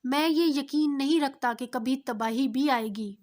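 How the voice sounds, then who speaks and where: A woman's voice: high-pitched, a little mellow, natural voice. A woman voicing a proud, boastful rich gardener in a storybook tale, in her own voice. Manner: boastful, self-assured.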